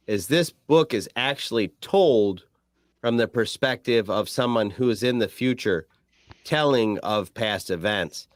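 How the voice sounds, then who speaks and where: A man's voice: on the low side, no echo. Guy hosting a podcast, asking questions, dry close sound. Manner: leads questions, casual and profane. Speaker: podcast host. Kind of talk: casual podcast chat.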